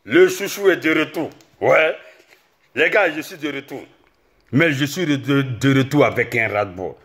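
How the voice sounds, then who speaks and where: A man, ranting in a comic vlog, repeating himself and often shouting. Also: medium pitch, lively intonation, moderate pace. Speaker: comic vlogger. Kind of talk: comic rant to camera.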